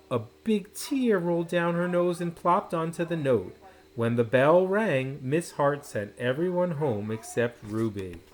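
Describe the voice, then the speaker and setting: A man reads a children's story aloud with a very lively, swooping delivery. His voice sits in a middle register, and he stretches words and pauses for dramatic effect. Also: mid-range voice. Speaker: storybook reader. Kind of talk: expressive children's picture book read-aloud.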